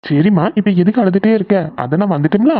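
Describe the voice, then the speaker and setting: A woman's voice: medium pitch, quick pace, a little hiss or hum, lightly acted. A woman voicing an affectionate young husband in a cartoon who reassures and teases his wife. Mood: reassuring. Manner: reassuring, teasing. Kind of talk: cartoon voice acting. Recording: tinny phone-like audio.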